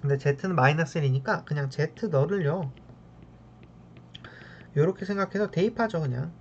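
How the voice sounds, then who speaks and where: A woman's voice: low voice, normal speed, darkish tone. A woman math teacher working through problems, checking in with a tag question after each step and talking to the terms as if addressing them. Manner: mutters sighs of tedium while working. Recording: dull lo-fi sound with faint ambient noise.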